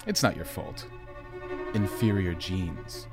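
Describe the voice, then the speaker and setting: A man's voice: deep voice, lively intonation, slow, music in the background. A man playing a contemptuous male Nazi henchman, putting on a German accent. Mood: sneering. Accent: put-on German. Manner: sneering, contemptuous. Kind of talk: audio drama acting.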